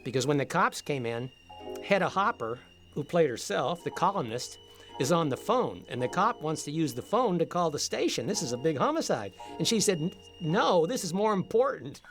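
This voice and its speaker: A man's voice: fairly high pitch, sing-song, normal speed, faint music behind. Older man reminiscing about a classic film. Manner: warm-hearted, reminiscing, conversational. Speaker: former police officer and author discussing a film. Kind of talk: reflective interview commentary.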